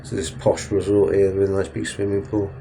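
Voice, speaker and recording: This English vlogger speaks in a warm, low-pitched voice with vocal fry, moving a bit quickly and with little pitch variation. Congested and sniffling, he rambles and revises himself while filming from a Ferris wheel cabin at night. A little background noise can be heard.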